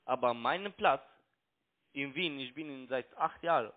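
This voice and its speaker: Speaking at a normal speed in a medium-pitched voice, a call center trading broker who grew up in Italy pushes and mocks someone on the phone. His German is broken, his first language is Italian, and the line sounds tinny.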